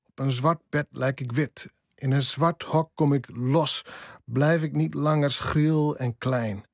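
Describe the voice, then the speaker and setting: A man whose first language is Frisian, a poet reading his own poem slowly and then talking about it in a radio studio interview. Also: fairly high pitch, fairly even intonation, vocal fry, no echo. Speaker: poet, guest.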